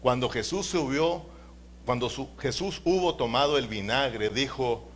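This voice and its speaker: A man's voice: mid-range voice, a little slow, fairly bright tone, a little hiss or hum. A man preaching a sermon in a church, emphatic, calling his listeners brothers and asking them to repeat after him.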